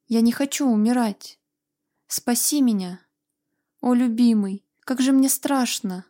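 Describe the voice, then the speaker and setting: Audiobook: woman doing scared, teary young woman, trembling and pleading, raised pitch. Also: unhurried, mellow, close to an everyday voice. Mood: frightened, pleading. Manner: trembling and pleading, flaring into angry outbursts. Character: frightened, tearful young woman nursing a dying man. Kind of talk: audiobook character reading.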